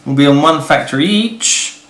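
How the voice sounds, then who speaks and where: A man slowly and wryly plotting his moves aloud in a board game. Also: a little high, expressive, fairly bright tone. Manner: slow, wry, plotting aloud. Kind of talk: casual tabletop play chat. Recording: roomy room with faint noise.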